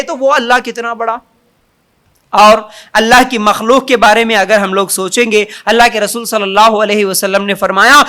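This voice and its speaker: A man's voice: extremely high pitch, sharp tone. A man preaching a sermon, building long repeated lists and rhetorical questions and stretching out the call of God's greatness. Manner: emphatic, drawn-out takbir calls. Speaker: Islamic preacher. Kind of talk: Urdu sermon.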